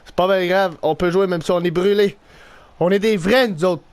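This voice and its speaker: A young man with a Québécois French accent giving excitable live commentary over his own hockey video game, swinging between groans and shouts. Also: sits high, normal speed, no room sound. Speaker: gaming YouTuber.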